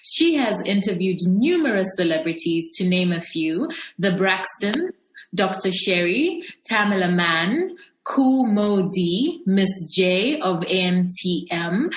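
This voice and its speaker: A woman's voice: mid-range voice, a bit bright. A woman hosting a podcast, giving a cheerful, welcoming introduction and then asking a guest questions. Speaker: podcast host. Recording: echoey room.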